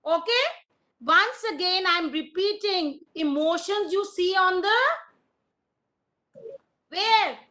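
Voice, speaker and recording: A young woman teaching an online preschool class, slow, sing-song and very expressive, praising the children. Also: extremely high pitch.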